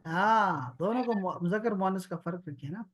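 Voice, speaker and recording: A man's voice: high voice, animated, a bit bright. A man gives an online Arabic lesson over a video call. He explains patiently and drags out the words he wants the student to repeat. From Pakistan. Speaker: Arabic teacher. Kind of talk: online one-on-one language lesson.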